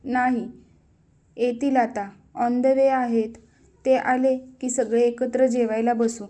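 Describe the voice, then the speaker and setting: Scolding, protective mum in a storybook reading, voiced by a woman narrator, high, flat tone. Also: slow pace. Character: middle-aged mother, scolding and protective.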